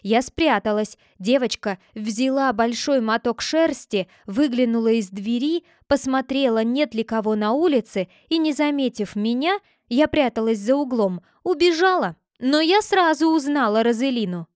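A woman's voice: a little high, lively intonation, normal speed, few pauses, darkish tone, no echo, studio quality, lightly acted. A woman reading a storybook, voicing a bold young girl who testifies in a firm voice. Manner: firm, confident telling.

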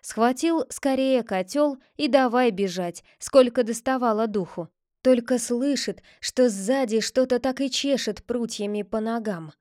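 Female narrator for a classic tale; expressive reading, slightly high voice, dry close sound. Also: a little slow, no room sound.

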